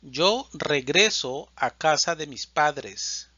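Brief: male language teacher, very slow, careful enunciation of each form, slightly higher voice, dry and slightly dull recording. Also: lively intonation, pushed and bright, no echo. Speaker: Spanish teacher. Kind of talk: slow, deliberate conjugation drill.

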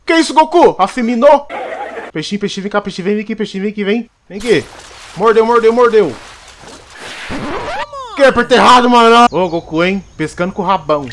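A young man giving joking, excitable commentary while playing a game, shouting at the action. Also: high voice, fairly quick, pauses often, slight background noise. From Brazil. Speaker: gaming YouTuber. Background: game music.

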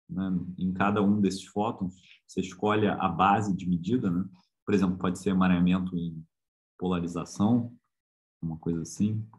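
A man with a Brazilian Portuguese accent giving an informal online physics lecture. He talks in a relaxed, conversational way, with frequent tag questions and hesitations. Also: low voice.

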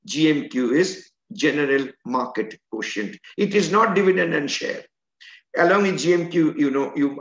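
A man's voice: medium pitch, a bit bright. Older man lecturing over a video call. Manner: earnest, emphatic, lecturing with hand gestures. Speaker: educator and trainer. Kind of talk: online lecture talk. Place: home room, video call. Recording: roomy, dull video-call audio.

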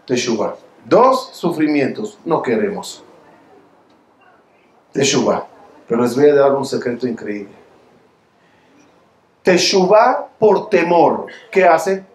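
A man rabbi giving a storytelling sermon, lively and full of repeated rhetorical questions. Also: on the high side, roomy sound.

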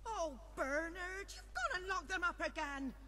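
High-voiced earnest village lady. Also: sing-song, normal speed, bright, forceful tone, heavily acted. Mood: earnest, pleading. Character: earnest, soft-hearted village woman.

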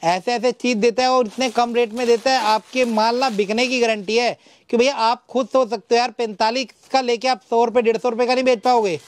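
A man's voice: very high-pitched, steady tone, fairly quick. A man hosting a vlog in a clothing warehouse, chatting persuasively and emphatically, repeating his points. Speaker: vlogger host. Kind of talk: casual promotional chat.

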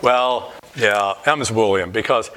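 A middle-aged male lecturer with a lowish voice, speaking in a lecture hall. He thinks aloud as he explains, breaking off and restarting his phrases. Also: measured pace, bright, forceful tone, a little hiss or hum. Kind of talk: university lecture.

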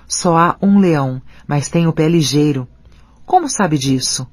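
A man voicing a great male lion who speaks slowly and gravely. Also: a little high, no echo. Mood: solemn. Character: great male lion, deep, solemn and gentle.

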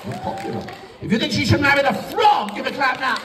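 An older English man working as a kids' party magician, with lively, swooping delivery. He teases and instructs children in playful, theatrical stage patter. He is heard from far off in an echoey, noisy hall. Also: extremely high pitch, quick pace. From England. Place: large wood-panelled indoor council chamber. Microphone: audience phone camera from several metres. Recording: echoey hall, distant phone, noisy young audience. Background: crowd of children and adults.

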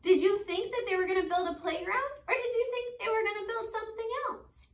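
In an echoey indoor classroom, a camera several metres off captures a twenty-something preschool teacher reading to small children in a very high-pitched, fairly quick voice. Her delivery is lively and sing-song, and she poses questions and waits for the kids to respond.

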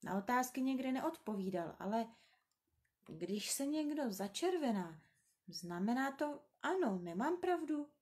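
A woman narrates a children's story in a calm, tender reading. Her voice sits a little high and moves gently and slowly through the sentences.

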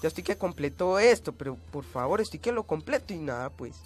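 A man's voice: a little high, very animated, a little fast, soft background music. A man giving gameplay commentary, coughing and sounding changed by a cold, yelping and screaming at in-game hazards. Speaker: let's play gamer.

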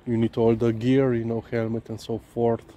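Out walking his dog, a male vlogger rambles in a casual monologue, hesitating with plenty of "um"s, "you know"s, and restarts. He speaks in a dark, monotone, mid-range voice, recorded on a low-held camera while moving, with outdoor sounds in the background.

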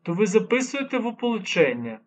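A man's voice: high voice, sing-song, brisk, pitched above the performer's own voice. A man voicing a stubborn, lisping ninety-year-old man who is secretly a skilled swordsman, in an audiobook. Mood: lecturing, teasing. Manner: mocking, patiently lecturing. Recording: dull lo-fi recording.

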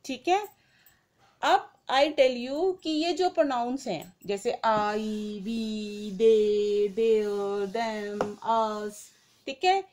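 A woman teacher giving a grammar lesson to children, saying each word slowly and asking questions that she answers herself. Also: a little high, a little mellow. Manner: slow, drawn-out word-by-word dictation.

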